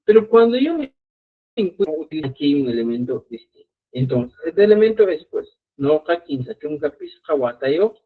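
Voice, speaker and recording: A man's voice: a little high, sing-song, normal speed. A man teaching a live online language lesson, explaining patiently and often checking whether his students follow. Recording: tinny phone-like audio.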